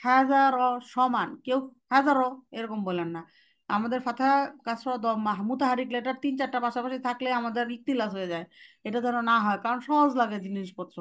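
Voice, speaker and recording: Woman recitation teacher, fairly high voice, casual and direct, drills letter sounds slowly. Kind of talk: online class instruction.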